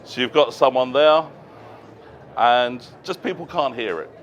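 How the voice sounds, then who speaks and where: A man's voice: mid-range voice, measured pace, lo-fi sound. Man explaining plainly to a live audience. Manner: explains plainly, with asides and self-corrections. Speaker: presenter at a trade show. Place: noisy exhibition hall.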